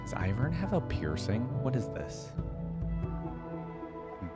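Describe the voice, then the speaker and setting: A man reacts to something casually and informally, musing aloud as he goes in a medium-pitched voice with big pitch swings and a slow pace. He hosts reaction videos, and game music plays behind his voice.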